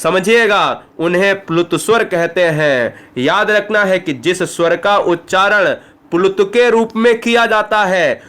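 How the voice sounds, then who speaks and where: A man with a Bihari Hindi accent teaching an exam-prep grammar lesson, speaking straight to his students and asking them quick rhetorical questions. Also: high-pitched, fairly bright tone. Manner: addresses students directly, asks rhetorical questions.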